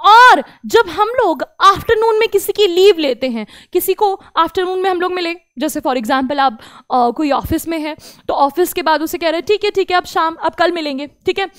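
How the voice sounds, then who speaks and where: A woman teaching French to children in an online class. She repeats each word slowly and speaks to the children directly. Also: extremely high pitch, fairly bright tone, no echo, clean studio sound. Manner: slow, drawn-out repetition of each word.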